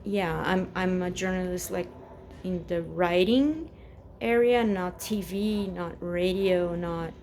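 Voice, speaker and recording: A woman's voice: lowish voice, slow pace, darkish tone, slight background noise. A woman in her forties from Brazil, speaking English with a Brazilian Portuguese accent and Portuguese as her first language, rambling hesitantly in a casual personal vlog at home. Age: 40s. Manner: rambling and hesitant, many restarts. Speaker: vlogger.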